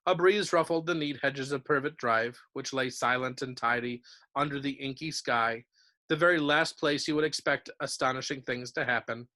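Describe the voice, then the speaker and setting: A man, a teacher, reading a novel aloud to his class in a steady, clear storytelling manner. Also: medium pitch, moderate pace.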